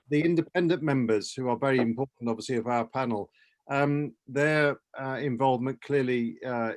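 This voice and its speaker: An English man speaks as a councillor in a panel meeting. He addresses the chair formally and talks haltingly, full of fillers and restarts. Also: medium pitch.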